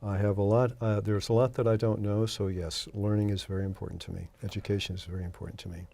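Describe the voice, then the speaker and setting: A man in his sixties from Oklahoma, answering interview questions thoughtfully, pausing often with fillers. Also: on the low side, flat delivery, gravelly, dark tone. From Oklahoma, USA. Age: 60s. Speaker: interview guest.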